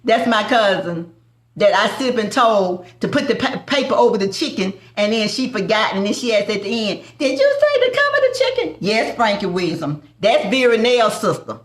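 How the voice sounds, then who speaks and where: A woman's voice: mid-range voice, normal speed, reverberant. A woman with a Southern accent hosting a live cooking stream. She banters with viewers and calls them baby and family. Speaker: cooking show host.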